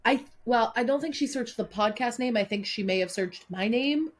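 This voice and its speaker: A woman's voice: fairly high pitch, normal speed. A woman co-hosting a podcast in casual chat, playful and self-deprecating, speaking from a small office. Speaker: podcast co-host. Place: small office with a fan running.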